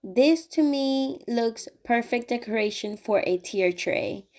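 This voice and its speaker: Still getting over a cold, this craft channel host narrates her steps slowly in a fairly high, expressive, slightly mellow voice. Her voice-over is cheerful and chatty as she explains each stage.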